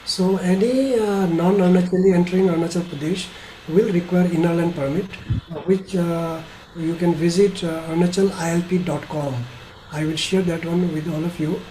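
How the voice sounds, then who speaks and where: Indian accent guy presenting on a video call, halting, mellow voice, bit of noise. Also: high voice, steady tone. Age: middle-aged. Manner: halting, hesitant. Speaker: tour operator presenting. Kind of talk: informal webinar presentation. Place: small bedroom indoors, video call. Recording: slightly noisy video call.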